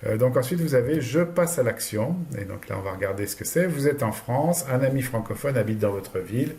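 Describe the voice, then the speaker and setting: A man giving a relaxed lecture about a language course, talking loosely with frequent hesitations. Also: medium pitch, a little fast. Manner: hesitant, many fillers and restarts while explaining course material. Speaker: university lecturer. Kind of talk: casual lecture commentary.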